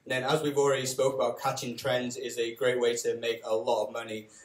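A man speaking as a panelist, giving even, practical advice. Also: mid-range voice, a little fast. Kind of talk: live panel talk. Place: coworking space event room. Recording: echoey room.

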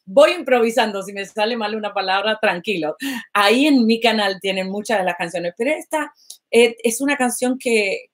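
A woman prophet and worship leader, praying aloud with fervor and speaking directly to viewers on a live stream. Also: a little high. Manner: fervent, prays aloud and addresses online viewers directly. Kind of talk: live-streamed prayer and preaching.

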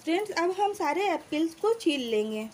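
Very high and very animated, yet a little mellow, a woman's voice moves at a moderate pace over slight background noise. She hosts a cooking channel from her home kitchen, giving a plain step-by-step voice-over for a home recipe and calling her viewers friends.

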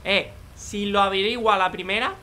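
A man's voice: sits high, fairly even intonation, normal speed, bright, forceful tone, slight background noise. A young man, joking crudely and chatting casually as he plays a racing game. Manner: joking, crude, talks to himself and viewers. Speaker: gaming youtuber. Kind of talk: casual gameplay commentary.

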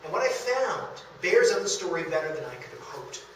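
Recorded from a distant camera among the audience, this illustrated history lecture comes across far away, very reverberant and faintly noisy. The speaker, a man in a historic house's meeting room, has a high-pitched, very animated and brisk delivery.

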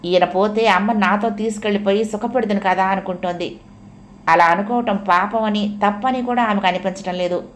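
In a mid-range voice, a female audiobook narrator reads a family novel from a script, keeping her storytelling steady and measured.

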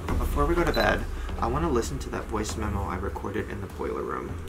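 A man in his twenties hosting a casual night vlog with a nervous, excitable, sweary way of talking, recorded indoors on a handheld camera. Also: on the low side, quick pace, gravelly, background noise. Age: 20s. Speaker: vlog host. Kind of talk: casual night ghost-hunting vlog chat. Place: wood-panelled ship cabin, indoors. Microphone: handheld vlog camera at close range. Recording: loud music under handheld camera audio.

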